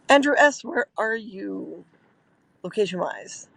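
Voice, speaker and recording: Riding in a car at night, a Canadian livestream host chats in a meandering way, full of filler words. Her mid-range voice is animated, slow and gravelly, captured with no echo but in rough quality.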